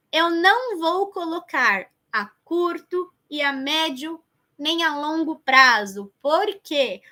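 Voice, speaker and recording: A Brazilian woman with a Brazilian Portuguese accent teaches an online lesson on child development planning, chatting with viewers directly and thinking aloud along the way. Her voice sits high and sounds pushed and bright.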